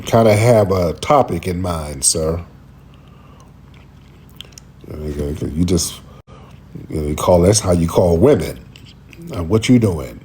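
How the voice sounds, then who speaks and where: Husky, mellow-voiced man hosting call-ins. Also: sits low. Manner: loose, rambling, searches for words. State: under the weather, lozenge in mouth. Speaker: livestream call-in host. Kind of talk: casual call-in chat.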